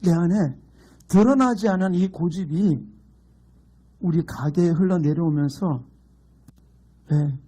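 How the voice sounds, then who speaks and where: A man's voice: a little high, warm tone, husky. A middle-aged man from Gangwon Province preaching a sermon as pastor, emphatic and mixing in humorous folksy stories. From Gangwon Province, Korea.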